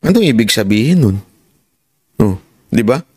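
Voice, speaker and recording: A man's voice: big pitch swings, moderate pace, husky, no room sound, studio quality. A man giving casual political commentary on a live stream, mocking and rhetorical, always asking his listeners whether he is right. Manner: mocking and sarcastic, with sharp jumps in pitch.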